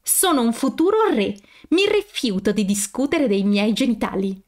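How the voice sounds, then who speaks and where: A woman's voice: on the high side, very animated, moderate pace. A woman reading a flustered proud young man.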